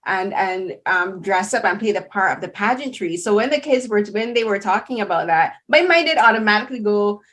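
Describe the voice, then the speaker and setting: A woman's voice: medium pitch, fairly quick, hardly any pauses. Chatty Barbadian woman host. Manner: animated, chatty storytelling with many "like"s. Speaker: podcast host. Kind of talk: casual interview chat.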